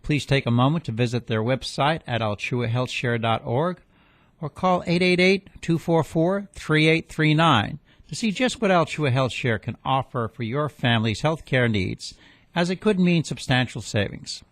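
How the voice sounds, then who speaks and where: A man's voice: mid-range voice, moderate pace, a bit bright, no echo. A man hosting a radio health talk show, reading the intro and sponsor spots, then asking his guest questions with some hesitant fillers.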